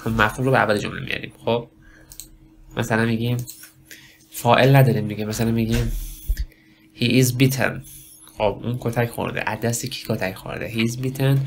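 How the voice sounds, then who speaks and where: A man teaching a spoken lesson for test preparation, talking slowly in broken phrases and asking himself questions. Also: lowish voice, creaky, fairly bright tone, a little hiss or hum. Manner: slow, halting delivery with many pauses and self-questions. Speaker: English test prep teacher.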